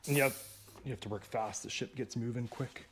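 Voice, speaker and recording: A man's voice: mid-range voice, fairly quick, a little hiss or hum. A man hosting a casual do-it-yourself video, rambling and joking with himself while he works through a repair in his home workshop. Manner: rambling, jokey, talks to himself while working. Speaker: DIY video host.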